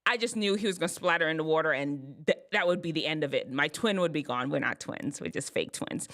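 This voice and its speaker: A woman hosting an advice show, telling a personal story in a casual, expressive way. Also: low voice, brisk. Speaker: host giving advice to teens.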